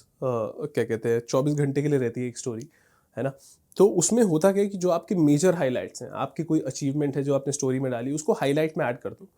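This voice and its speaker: Chatty male instructor, slightly high-pitched. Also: dark tone. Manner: conversational, repeats "thik hai" and "dekhiye", frequent fillers. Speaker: instructor teaching Instagram growth. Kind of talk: casual screen-share tutorial.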